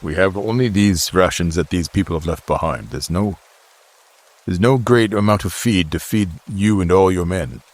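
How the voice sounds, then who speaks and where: A man's voice: low voice, normal speed, no echo. A man voicing a guarded, curt male farmer who is suspicious of strangers. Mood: wary.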